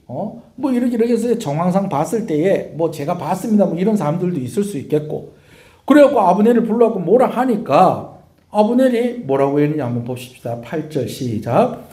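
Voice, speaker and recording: A male pastor preaches with a lively, swooping pitch that rises and falls. His tone is mellow and dark, and he tells the story with animation while questioning the congregation. The voice echoes through a church sanctuary. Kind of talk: sermon.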